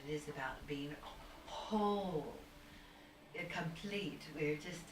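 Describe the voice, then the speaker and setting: This woman speaks low and slowly as a guest on a video call, wandering through a long, spiritual, searching ramble full of restarts in casual chat. A distant, roomy microphone picks her up with faint background noise.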